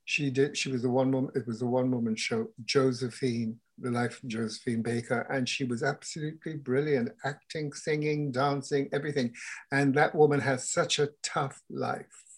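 A woman's voice: extremely low pitch, fairly even intonation, normal speed, breathy edge. A woman in her eighties speaking frankly in a casual conversation as a guest, often repeating herself. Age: 80s.

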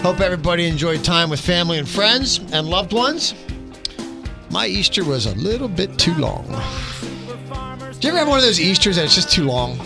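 A man's voice: high voice, sing-song, fairly quick, creaky, over music. A man hosting a sports radio show from a studio, joking and teasing his co-hosts with frequent laughs. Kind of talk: casual sports radio banter. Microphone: studio microphone.

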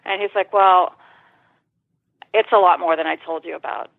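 A woman's voice: on the low side, fairly even intonation, normal speed, creaky, dry recording. A woman guest telling a personal story in conversation, retelling it vividly and swearing freely. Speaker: interview guest. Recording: tinny phone-line sound.

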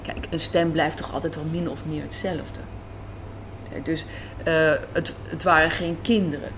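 A woman with a low, steady voice speaks a little slowly, answering interview questions thoughtfully and conversationally while searching for words. She is a writer and director appearing as a guest, recorded on location at an Amsterdam café and square, with noisy city ambience around her.

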